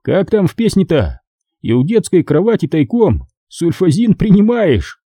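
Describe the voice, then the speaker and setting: A man voicing a mocking, wisecracking sergeant who talks in quick, joking exclamations. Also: sits high, big pitch swings, dark tone, slightly rough, no room sound, clean studio sound, voice pushed up, full character voice. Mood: wry banter.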